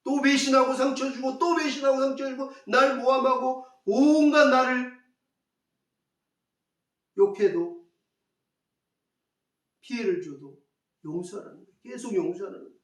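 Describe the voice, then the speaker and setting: A man's voice: very high voice, normal speed, pauses often. A male pastor preaching a sermon, putting rhetorical questions to the congregation and repeating key phrases for emphasis. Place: church. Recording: echoey church hall, mic at a distance.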